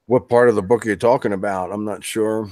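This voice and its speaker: A man's voice: fairly low pitch, steady tone, a little fast, darkish tone, no echo. Rambling male guest, dry close sound. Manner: rambling, loose, with many restarts and fillers. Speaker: guest author. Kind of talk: casual interview chat.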